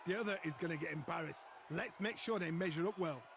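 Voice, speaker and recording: A man's voice: fairly high pitch, fast talker, creaky, a crowd in the background, noisy background. A man playing a seasoned boxing color commentator who breaks down fights with earnest advice. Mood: analytical. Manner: earnest, advice-giving analysis. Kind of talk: sports commentary.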